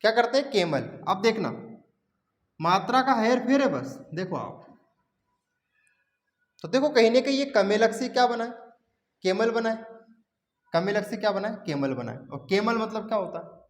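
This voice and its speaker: गूंजते कमरे में पढ़ाते ऊंचे स्वर वाले पुरुष शिक्षक. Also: male voice, high-pitched, animated, moderate pace, pauses often. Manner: asks questions and answers them himself, calls students "beta"; sings film song snippets as memory aids. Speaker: teacher. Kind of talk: exam-prep classroom lesson. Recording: echoey room, long reverb.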